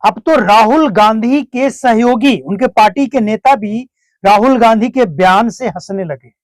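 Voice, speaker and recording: A man's voice: sits high, a little slow, no echo. A man commenting on a political clip, lecturing with rhetorical questions. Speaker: news commentator.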